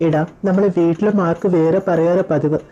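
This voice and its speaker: A woman's voice: on the low side, fairly even intonation, moderate pace, warm tone, lo-fi sound, close to an everyday voice. A woman voicing anxious young men bantering and pleading with friends in a fan audio drama. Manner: pleading, exasperated chatter.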